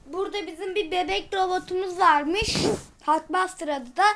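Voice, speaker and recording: Woman, casual gameplay commentary, playful, giggly, very high voice, bright tone. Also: normal speed. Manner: playful, giggly, talks to viewers. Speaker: gameplay video host.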